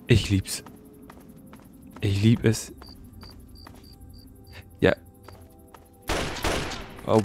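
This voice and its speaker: A young man giving casual, slangy let's-play commentary and swearing at the game. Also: on the low side. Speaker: gaming YouTuber.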